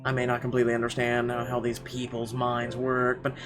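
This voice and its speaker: A man of medium pitch narrates a visual novel in let's-player fashion, speaking in a monotone at a fairly quick rate. The game's music plays clearly in the background.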